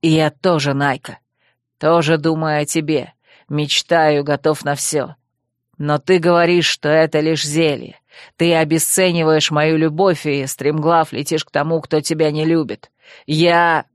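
A lovesick young werewolf from an audiobook speaks in a low, rumbling growl, as a woman narrator puts him on. He talks heatedly and bitterly, his voice dropped well below a woman's usual range. The sound is dry and close. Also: flat delivery, unhurried, no room sound. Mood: impassioned. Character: passionate young male werewolf suitor, brooding. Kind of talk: audiobook character voice.

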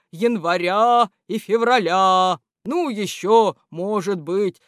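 A woman's voice: mid-range voice, smooth, no echo, studio quality, pitched above the performer's own voice, close to an everyday voice. Woman doing rowdy winter-month spirits. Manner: sing-song, drawn-out and boisterous. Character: mischievous winter months, wild male spirits.

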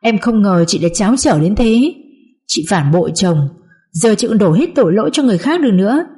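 A woman voicing a scheming young sister-in-law who accuses in a shrill, mock-tearful way, in an audiobook drama reading. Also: animated, a little fast, warm tone, lightly acted.

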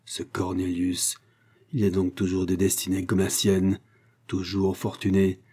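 A man's voice: low voice, completely flat delivery, measured pace, darkish tone, breathy edge. A man reading aloud, voicing a bored, hot-tempered retired sea captain who bursts into angry outcries. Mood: bitter.

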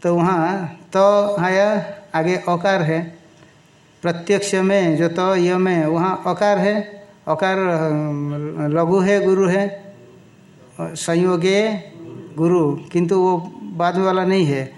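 Man teaching old scripture, kinda high voice, really slow and careful, stops to chant verses and explain them. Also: fairly even intonation, a little mellow. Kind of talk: Sanskrit text lecture in Hindi.

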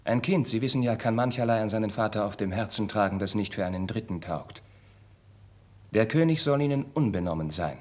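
Playing an impassioned, proud young Spanish crown prince in a 1950s German radio drama, an actor here sounds courteous and restrained. His male voice is fairly low, a little mellow and slightly husky, animated and a little fast, with declamatory, theatrical diction.

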